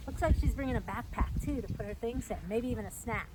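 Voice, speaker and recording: A middle-aged woman on the parks staff reads a picture book aloud to young children, her voice a little high and her pace quick. She adds simple explanatory asides as she reads outdoors at an open trailhead by a fence, where background noise is clearly audible.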